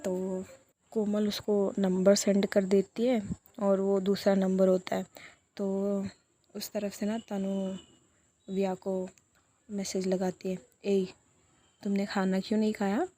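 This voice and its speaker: A woman tells a romance story in a loose, chatty way, full of fillers and quick quoted lines. Her voice is husky and dark-toned, and her pitch stays flat and even. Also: no room sound. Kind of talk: casual spoken retelling of a love story.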